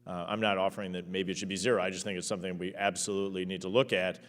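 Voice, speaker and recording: Guy questioning witnesses at a hearing, talks quick, keeps restarting, long echo. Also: sits low, little pitch movement, fairly bright tone. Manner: halting, repeats starting words. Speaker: ranking committee member. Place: hearing room.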